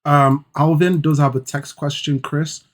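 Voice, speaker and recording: A man's voice: on the high side, flat delivery, unhurried. A man co-hosting a casual podcast, thanking callers and managing questions in a friendly way. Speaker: podcast co-host.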